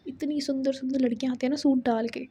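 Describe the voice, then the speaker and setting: A woman's voice: high-pitched, fairly even intonation, fast, mellow, slight background noise. A young woman telling a love story in a chatty, casual way, dropping in English filler words.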